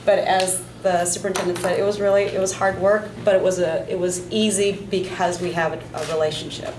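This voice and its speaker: A woman speaks quickly on a panel and tells anecdotes in a playful, animated manner. Her voice rings in a reverberant hall with clear noise around it. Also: on the low side. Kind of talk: panel discussion remarks. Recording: echoey hall with audible noise.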